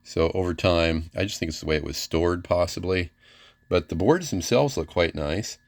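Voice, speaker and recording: A low, vocal-fried male voice at a moderate pace, captured in a dry recording. The speaker is a middle-aged radio amateur casually demonstrating a receiver without a script, in a plain-spoken, folksy, somewhat hesitant way.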